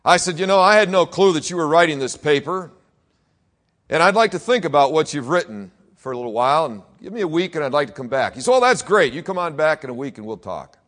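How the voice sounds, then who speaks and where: A man, a senior pastor, preaching a sermon with dramatic storytelling, dropping to a hush and rising to loud exclaims. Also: fairly high pitch, animated, quick pace.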